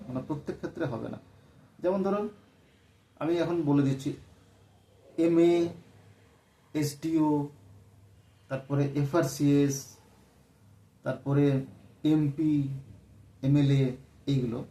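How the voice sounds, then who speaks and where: A man's voice: a little high, dark tone. A man teaching a grammar lesson, explaining step by step and often checking that his listeners follow. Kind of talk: exam-prep grammar lesson. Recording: echoey room with faint noise.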